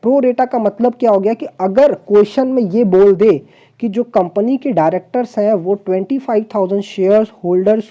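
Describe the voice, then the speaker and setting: Very mellow-voiced woman teaching commerce. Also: medium pitch, dull audio. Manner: explains step by step, asks the class rhetorical questions; mixes English terms into Hindi explanation. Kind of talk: online exam-prep class.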